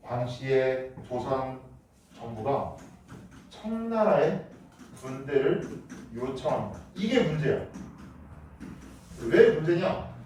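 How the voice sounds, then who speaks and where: A man's voice: fairly high pitch, a little hiss or hum. A man teaching a middle school history class, lecturing and asking his students questions. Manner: lively, asks students questions. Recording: echoey classroom from far off.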